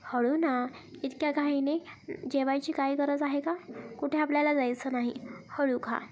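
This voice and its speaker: A woman's voice: high voice, steady tone, normal speed, a little mellow, a little hiss or hum, lightly acted. A woman voicing a short-tempered but protective young newlywed man in a spoken story. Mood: brusque. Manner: curt, scolding.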